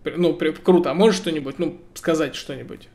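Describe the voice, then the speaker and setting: A young man in his twenties, teasing and playful, laughing between questions. His voice is gravelly with a lot of fry. He talks into a webcam from a small room. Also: fairly high pitch, fairly quick, darkish tone. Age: 20s. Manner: joking, teasing, laughs often. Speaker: guitarist chatting with strangers. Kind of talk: casual video chat. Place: indoor room, seated in a chair. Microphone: webcam video call.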